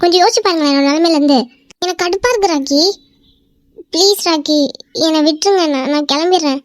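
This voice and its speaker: A woman voicing a jealous, emotional young wife in a cartoon, who pleads through tears and turns sharp and possessive. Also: very high voice, fast talker, dry recording, studio quality. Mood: tearful, hurt. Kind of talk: amateur cartoon voice acting.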